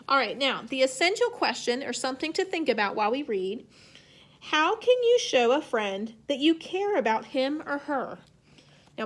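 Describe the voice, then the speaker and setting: A woman with a high, fairly bright voice speaks as an elementary teacher leading a read-aloud lesson for young children. She gives instructions in simple phrases and asks them questions.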